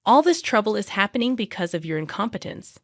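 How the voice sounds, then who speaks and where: A woman's voice: medium pitch, very animated, fairly quick, no echo, studio quality. A woman reading a scornful older mother-in-law. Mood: scolding. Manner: scolding, belittling.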